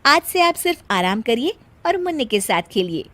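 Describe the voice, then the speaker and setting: A woman voicing a young, overworked daughter-in-law in a cartoon story, talking back quickly and with exasperation. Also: fairly high pitch, big pitch swings, a bit bright. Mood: warm. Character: young working daughter-in-law, busy, defensive.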